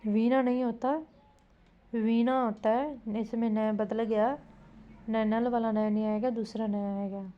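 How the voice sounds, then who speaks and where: Slow-talking woman teacher drilling spellings. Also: on the high side, steady tone, lo-fi sound. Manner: repetitive, drilling, asks students questions. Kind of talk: Hindi spelling lesson for exam students.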